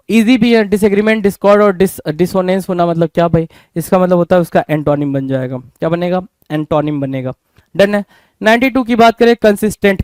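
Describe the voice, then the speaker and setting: A man's voice: high-pitched, a little mellow, clear, resonant tone, dry recording. A man with an Indian accent teaching English vocabulary in an exam-prep lesson, often asking the class a question and answering it himself.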